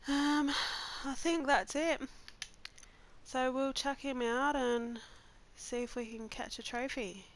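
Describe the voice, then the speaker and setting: A woman's voice: sits high, steady tone, slow pace. A woman from Australia, nasal-sounding because she has the flu, casually talking viewers through a gameplay tutorial step by step. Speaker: gaming channel host.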